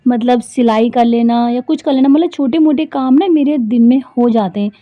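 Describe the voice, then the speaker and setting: A woman's voice: a little high, normal speed, dry recording. A woman in her thirties, a vlogger and homemaker, talking in a chatty, rambling way full of fillers as casual vlog voice-over. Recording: dry, thin phone-like sound.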